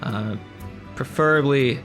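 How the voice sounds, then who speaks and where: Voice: medium pitch, slow pace, fairly bright tone, faint music behind. A game master running a tabletop game in a loose, laughing way, often restarting sentences.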